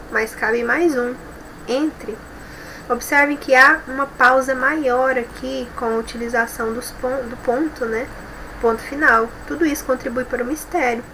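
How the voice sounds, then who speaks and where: Brazilian lady teacher explaining a lesson, keeps saying né, bright kinda high voice. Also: slight background noise, rough recording. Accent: Brazilian Portuguese. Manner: explains slowly with frequent "né?" tags. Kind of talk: recorded class lesson, reading from textbook.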